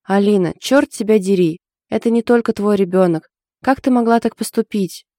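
A stern, practical older sister with a blunt, sharp-tongued way of talking, read by a woman. The voice is warm and dark. The sound is dry. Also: medium pitch, a little fast, no room sound, close to an everyday voice. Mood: angry.

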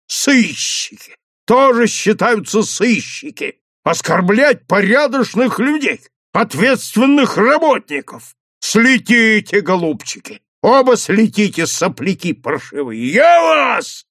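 Мужчина озвучивает вспыльчивого управляющего хозяйством средних лет, который возмущённо кричит. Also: male voice, a little high, slow pace, no echo, clean studio sound, voice pushed up. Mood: enraged ranting. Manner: shouting, indignant outbursts. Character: blustering middle-aged male farm manager, hot-tempered.

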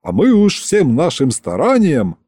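A man's voice: on the high side, wildly swooping pitch, a little slow, mellow, breathy edge, no echo, pitched above the performer's own voice, exaggerated voice. A man reading an audiobook who voices a big, roguish male imp, fawning and folksy in a raised voice. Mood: eager.

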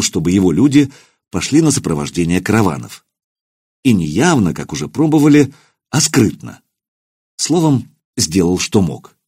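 A man narrating an audiobook in a steady, expressive storytelling manner. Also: fairly low pitch, breathy edge, dry recording, studio quality.

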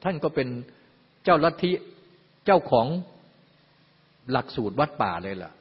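Older guy preaching a dharma talk, kinda husky and highish, dull lo-fi sound with long hall echo. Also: big pitch swings, measured pace. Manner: folksy, explains with everyday examples and asides. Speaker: Buddhist teacher.

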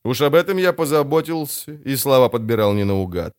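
Picture a sly, self-satisfied crime boss, smooth and expansive as he talks his way out of trouble, his pitch rising and falling freely. A man reads him in an audiobook, recorded dry and close. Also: animated, fairly quick, darkish tone, dry recording, natural voice. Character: vain sly older male crime boss. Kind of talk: audiobook character voice.

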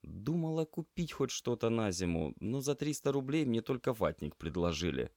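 A man reading an audiobook, voicing a grumpy young female student activist who grumbles in a raised but quiet voice. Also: medium pitch, sing-song, normal speed, no room sound, clean studio sound, pitched above the performer's own voice. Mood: grumbling. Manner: grumbling, sulky.

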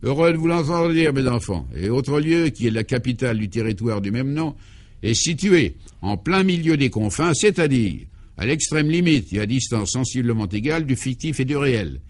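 A man's voice: animated, moderate pace, natural voice. A man voicing Clovis du Tilleul, an eccentric, jovial 64-year-old former priest, in an old-style French radio comedy, fatherly and exuberant. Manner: exuberant, fatherly, talks up high.

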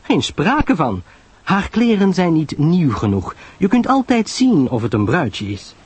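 A man voicing a chatty, nosy young society woman who gushes in a high, lilting voice. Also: very animated, measured pace, a little mellow, husky, full character voice. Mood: insistent. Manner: breathless gushing, high and lilting.

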